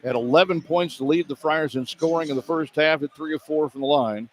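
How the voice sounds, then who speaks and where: Fairly quick and on the high side, an American man's voice narrates a basketball game live on radio, with clipped phrases that keep pace with play. He's courtside in an indoor arena, and the live broadcast carries clear background noise.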